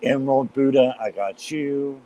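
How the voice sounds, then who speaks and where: Live on his tarot stream, a man greets viewers by name and chats casually, his voice hoarse from a slight cold. The medium-pitched tone is warm and unhurried, though the recording quality is low.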